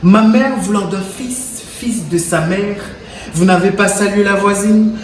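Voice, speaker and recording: A young man, a student, declaiming poetry with the deliberate, theatrical delivery of a hammy stage actor. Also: sits high. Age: teens to young adult. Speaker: student reciting in a reading contest. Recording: roomy, distant mic, clear background noise.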